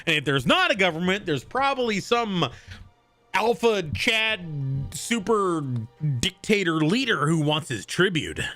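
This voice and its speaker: A man's voice: high-pitched, a little slow, soft background music. A man streaming live, chatting casually and jokily with viewers and greeting them by name. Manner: animated, jokey, greets chat members by name.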